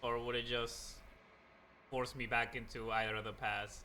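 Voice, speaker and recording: A man's voice: mid-range voice, flat delivery, normal speed, sharp tone, a little hiss or hum. A man playing a video game, thinking aloud casually and hesitantly, often restarting his sentences. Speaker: let's play gamer. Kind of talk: thinking aloud over gameplay.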